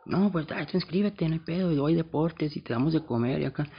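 A man putting on a high, coaxing school staffer. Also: fast, husky, muffled recording.

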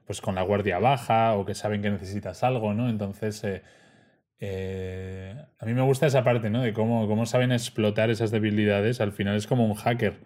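A man, a relaxed storyteller in a casual conversation who often adds tag questions. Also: fairly low pitch, moderate pace.

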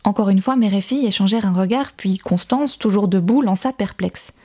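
A woman's voice: medium pitch, fairly quick, mellow. A woman reading a novel aloud as an audiobook, voicing each character's lines with light shifts in her voice. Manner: reads all characters' dialogue with light voice shifts. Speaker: audiobook reader. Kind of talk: scripted narration of a novel.

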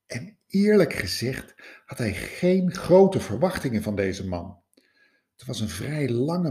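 A man narrating a fairy tale in an expressive storytelling manner. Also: mid-range voice. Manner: expressive, lively.

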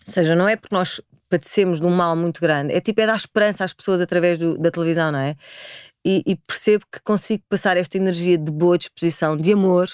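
A woman in her forties from Portugal with a European Portuguese accent, talking as a podcast guest in a lively, expressive way. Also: lowish voice, fast talker, clean tone, no echo, studio quality. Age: 40s. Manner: expressive, animated storytelling with frequent laughs. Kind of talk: casual chat.

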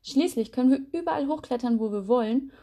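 A woman's voice: sits high, brisk, dark tone, pitched above the performer's own voice. A woman voicing a proud, sporty little male spider in a storybook, boasting about strength and courage.

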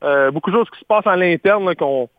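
A man with a Québécois accent, a baseball analyst guest talking casually, halting with many fillers and restarts, heard over the phone. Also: high voice, no room sound. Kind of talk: casual phone-in radio chat. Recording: tinny phone line.

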